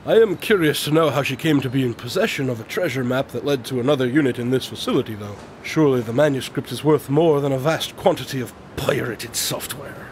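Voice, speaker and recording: This man's medium-pitched voice moves briskly with hardly any pauses, sounding natural over a faint hiss or hum. Acting in a radio drama, he portrays a brilliant, aloof male detective laying out his deductions with confident, probing precision in a formal, matter-of-fact manner.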